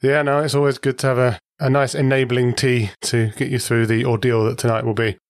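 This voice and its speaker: A man's voice: mid-range voice, little pitch movement, a little fast, no echo, clean studio sound. A man hosting a podcast, reading a playful scripted intro and then asking questions in a joking way. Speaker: podcast host.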